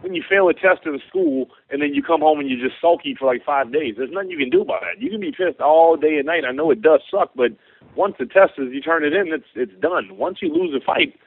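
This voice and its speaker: A man's voice: fairly high pitch, animated, fairly quick, gravelly, no echo. A male fighter talking casually and colloquially in a rambling interview answer on a conference call by phone. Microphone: telephone. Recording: tinny dry phone line.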